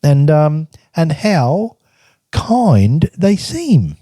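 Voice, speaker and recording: Very slowly and in a sing-song way, an older man with a slightly high voice reads from his old travel journal as a podcast guest, adding the stories behind each entry with frequent laughter. The clean studio recording is dry and dark in tone.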